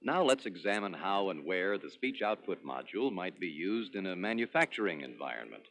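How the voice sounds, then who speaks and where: A man presenting a product demonstration in a scripted, instructional promotional narration with clearly structured delivery. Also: deep voice, big pitch swings, fairly quick, fairly bright tone. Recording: dull lo-fi 1980s demo recording.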